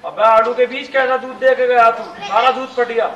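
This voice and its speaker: An actor playing a cocky, greedy police informer who talks in a cheeky, teasing rustic way in a comic sketch. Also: male voice, very high voice, steady tone, moderate pace, pushed and bright, full character voice. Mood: angry.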